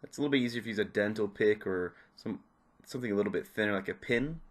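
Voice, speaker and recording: Fast-talking and lowish in voice, a man presents a repair tutorial. He gives casual, informal instructions, stepping through the hands-on process.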